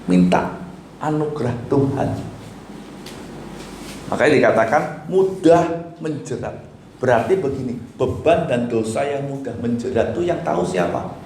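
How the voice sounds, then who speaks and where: A man's voice: fairly high pitch, vocal fry, a little mellow, slight background noise. A male pastor preaching a sermon in a casual, conversational way, asking questions and answering them himself. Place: church. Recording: roomy church hall echo.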